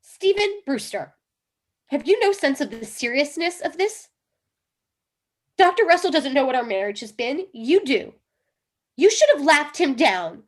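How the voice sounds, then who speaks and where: A woman's voice: high-pitched, very animated, a little slow, pauses often. A woman reading the role of an earnest wife devoted to dream analysis, with an emphatic, theatrical delivery in a comic play reading. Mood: agitated.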